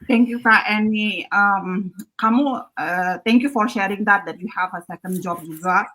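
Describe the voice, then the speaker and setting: A woman's voice: medium pitch, a little slow, bright, forceful tone. A woman hosting an online talk, friendly and mixing English phrases into her speech over a video call. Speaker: host.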